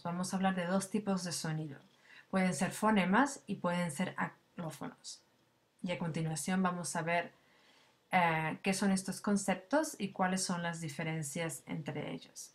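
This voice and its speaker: A woman teaching a recorded lecture, explaining things step by step with fillers, small self-corrections and a tag question now and then. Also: on the low side. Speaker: language teacher.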